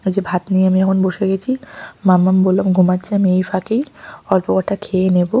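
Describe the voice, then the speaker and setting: Soft-spoken woman with a cold. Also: mid-range voice, completely flat delivery, quick pace, breathy edge. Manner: speaks softly and quietly at night. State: has a cold, sore throat, sniffling. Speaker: lifestyle vlogger. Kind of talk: soft-spoken vlog voice-over.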